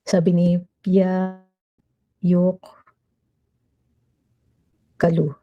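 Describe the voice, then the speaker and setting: A woman's voice: lowish voice, monotone, drawn-out words, dark tone, dull audio. A woman giving chatty, emphatic livestream commentary as she reads out viewer comments, mixing Tagalog and English.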